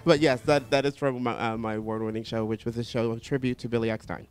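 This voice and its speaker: A male singer chatting in an interview in a halting, earnest way. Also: medium pitch, fairly even intonation. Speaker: award-winning singer. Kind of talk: casual interview chat. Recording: faint music behind the interview.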